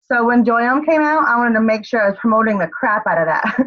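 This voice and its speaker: A woman's voice: a little high, expressive, a little fast, lo-fi sound. A woman leading her team on a group call, upbeat and rallying, checking in often with "okay?". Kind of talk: motivational group call talk.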